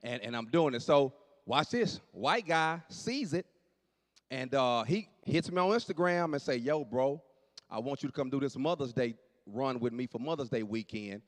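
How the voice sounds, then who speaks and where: A man in his late forties doing animated stand-up storytelling on stage, dropping to low asides and jumping up for punchlines. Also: moderate pace. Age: 40s. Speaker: stand-up comedian. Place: church hall on stage. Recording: long hall reverb.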